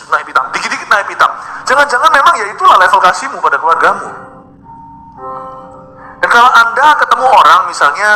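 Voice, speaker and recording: A man preaching a sermon, mixing English phrases into his talk and swinging between emphatic bursts and quiet drops. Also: high-pitched. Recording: long hall reverb with soft music behind.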